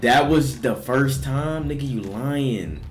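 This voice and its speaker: A man's voice: mid-range voice, takes it slowly, loud music behind the voice. A young man chatting casually on a livestream in a crude, jokey, slangy frat-bro manner, emphatic and repeating himself. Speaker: streamer reacting to viewer confessions.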